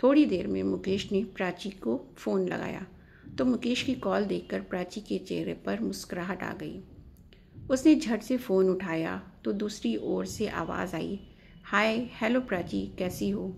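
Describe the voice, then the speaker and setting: A woman's voice: mid-range voice, unhurried, creaky, dark tone, a little hiss or hum. A woman storyteller narrating a dramatic family story from a script.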